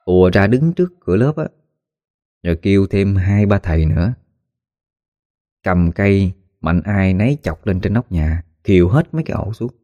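Low, dark-voiced man telling a ghost story. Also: normal speed, dry recording. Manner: folksy, animated retelling with quoted voices. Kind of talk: spoken ghost story narration.

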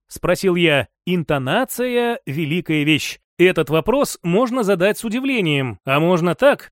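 High-voiced man reading a novel aloud. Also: no echo, studio quality. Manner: wry, analytical inner monologue. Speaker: audiobook narrator. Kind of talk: scripted first-person narration.

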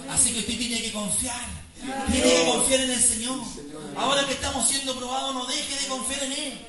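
A man with a Chilean accent preaching a fervent sermon as pastor, rising to near-shouts and sing-song praise. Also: extremely high pitch, little pitch movement, moderate pace, over a noisy crowd. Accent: Chilean Spanish. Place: church hall. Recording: echoey church sound from a distance with congregation.

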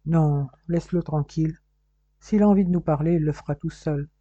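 A woman reading the part of a stern, weary middle-aged father, firm and then low and resigned. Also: normal speed, mellow, no room sound. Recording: dull, muffled dry recording.

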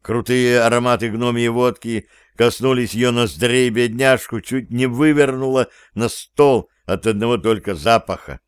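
Male audiobook narrator, smooth resonant voice, dry studio sound. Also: medium pitch, measured pace, few pauses, no echo. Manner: steady, even storytelling. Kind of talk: scripted fantasy narration.

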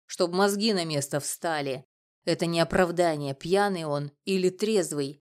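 A woman reading an audiobook, voicing a huge, burly older male neighbor with a husky, gruff, growling voice. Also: lowish voice, measured pace, lightly acted. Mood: threatening.

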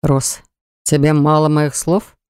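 A man's voice: a little high, little pitch movement, slow pace, smooth, no room sound, studio quality. A reader voicing a cold, commanding male mage lord in an audiobook, speaking in a curt, icy, authoritative way. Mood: stern. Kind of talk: audiobook character voice.

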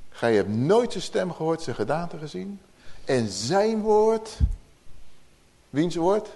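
Lively preacher man. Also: high-pitched. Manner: conversational teaching with rhetorical questions. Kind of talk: sermon.

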